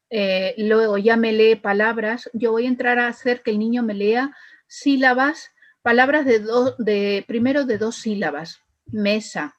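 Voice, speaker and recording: A woman's voice: a little high, dull audio. A woman speech therapist, explaining her methods with worked examples and frequent fillers. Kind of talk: explaining to an interviewer.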